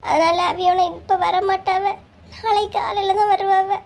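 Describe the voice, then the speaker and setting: A performer voicing a tearful, soft-spoken young daughter-in-law in a cartoon, with a Kanyakumari Tamil accent. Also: extremely high pitch, little pitch movement, moderate pace. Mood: sad. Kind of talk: cartoon voice acting.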